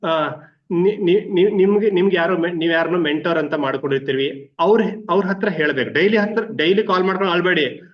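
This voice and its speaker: A man's voice: high-pitched, a little fast. A middle-aged man with a Kannada accent, a wellness coach talking to a group, repeating himself and restarting words. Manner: repetitive, restarts words, mixes English terms. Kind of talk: live group coaching talk. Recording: dull lo-fi audio.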